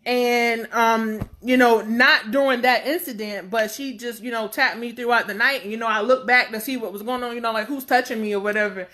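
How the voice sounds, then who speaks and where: A woman in her thirties vlogging straight to camera, with a rather high, bright and forceful voice. She rambles and speaks bluntly, leaning on fillers as she goes. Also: fairly even intonation, brisk, few pauses. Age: 30s. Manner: blunt and outspoken. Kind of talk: casual talk to camera.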